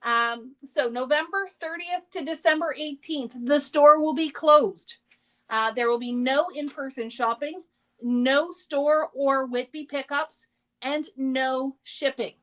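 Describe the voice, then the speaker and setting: Chatty high-voiced woman hosting a shop show. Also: slow, fairly bright tone. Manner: chatty, upbeat, teasing. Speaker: craft store host. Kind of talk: casual livestream product chat.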